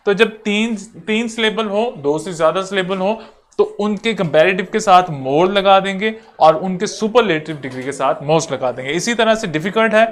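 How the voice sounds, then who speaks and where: A man teaching an online lecture, going over each rule slowly and repeating it step by step. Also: high voice. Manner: repetitive, explains slowly step by step.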